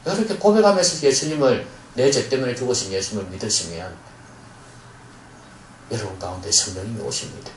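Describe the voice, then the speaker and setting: A man's voice: medium pitch, brisk, slight background noise. A male pastor preaching a sermon in a church, earnestly putting questions to the congregation. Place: church sanctuary. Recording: echoey church hall, mic far off.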